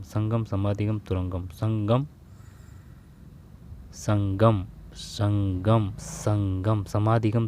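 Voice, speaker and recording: Low-voiced man teaching, repeating words. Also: mellow. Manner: repeats words over and over, thinks aloud, says "है ना" often. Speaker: exam-prep teacher. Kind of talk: casual spoken lesson on grammar questions.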